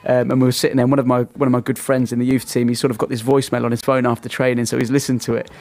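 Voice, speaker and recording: Quick-talking young man. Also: medium pitch, little pitch movement, a little mellow. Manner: quick, eager storytelling with fillers. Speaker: guest, football coach. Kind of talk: casual radio interview.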